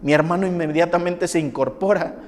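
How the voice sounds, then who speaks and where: A man's voice: on the high side, brisk. A man preaching a sermon as a pastor, telling a personal testimony with emphatic repetition. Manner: emphatic, repeats phrases for effect, acts out quoted people. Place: church. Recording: church hall with long reverb and soft music.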